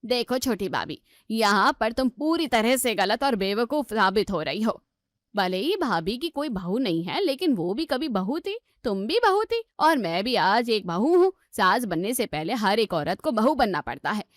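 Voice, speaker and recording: A woman's voice: fairly high pitch, very animated, measured pace, no echo, clean studio sound. A woman voicing an outspoken middle-aged sister-in-law in a cartoon story, lecturing and blunt. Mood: angry.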